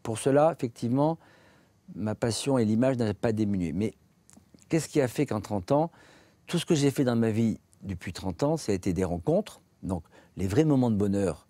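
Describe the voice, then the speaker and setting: A French-accented shoe salesman in his forties gives an earnest, reflective personal testimony, speaking in measured phrases broken by pauses. His fairly low, mellow voice has lively intonation, captured in a dry recording.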